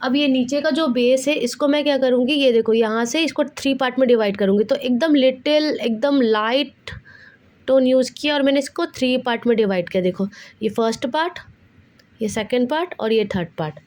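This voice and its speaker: A woman's voice: high voice, a little fast, a little mellow. A woman, patiently explaining a drawing tutorial step by step and addressing viewers fondly like children. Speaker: drawing teacher. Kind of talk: tutorial instruction.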